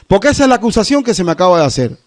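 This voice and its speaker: A preacher speaks as a composed accused man who turns the accusation back with probing questions. The voice sits fairly high and stays steady. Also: racing. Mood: challenging. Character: calm, challenging man confronting his accuser.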